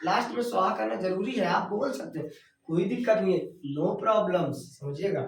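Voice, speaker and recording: A male teacher explaining Sanskrit verses at a board, slowly repeating words as he writes and chanting the verses. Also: high voice, vocal fry, distant mic, a little hiss or hum. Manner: chants verses in a sung recitation. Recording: echoey room, voice off-mic.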